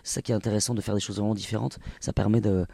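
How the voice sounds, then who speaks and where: A Basque-speaking man in his forties from the French Basque Country chats casually as a guest on an interview, full of hesitations and restarts. He's a singer and actor, and his voice sits on the low side: steady, rapid-fire, mellow, slightly rough, with vocal fry. There's no room sound in this relaxed interview talk.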